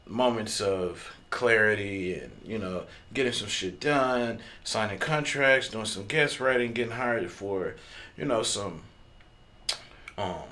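A man hosting a podcast, telling a story in a loose, profane, casual way with many fillers and throat clearing. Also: lowish voice, sharp tone. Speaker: podcast host.

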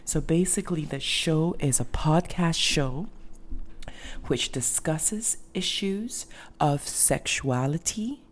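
A woman from Ghana hosting a faith podcast, talking earnestly and with many ums and restarts. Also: sits low. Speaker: podcast host. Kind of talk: casual faith podcast monologue.

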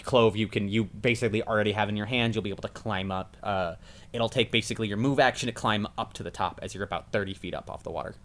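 A man's voice: on the low side, fast, fairly bright tone. Casual man running a tabletop game. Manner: casual, self-correcting, laughs at own jokes. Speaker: game master.

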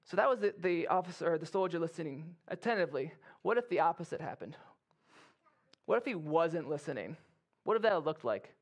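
A pastor preaching in a relaxed, conversational way. His voice sits a little high for a man, and he slips into playful asides as he acts out quoted characters. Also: brisk. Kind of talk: sermon.

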